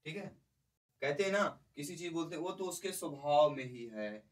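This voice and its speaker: A man's voice: on the high side, lively intonation, normal speed, far from the mic, rough recording. A male teacher giving an exam-prep lecture, explaining by repeating points and putting questions to the class.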